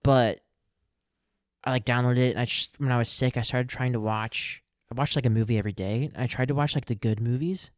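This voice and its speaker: A man's voice: medium pitch, fairly even intonation, brisk, no room sound, clean studio sound. A young man co-hosting a podcast, chatting casually and animatedly with a friend, laughing easily and restarting his sentences. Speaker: podcast co-host. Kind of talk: casual chat.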